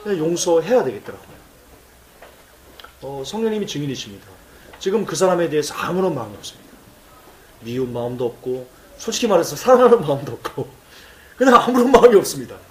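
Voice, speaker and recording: A male pastor preaching a sermon in church, emphatic and animated, telling stories and acting out cries. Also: on the high side, fast, pauses often, roomy sound, distant mic, a little hiss or hum.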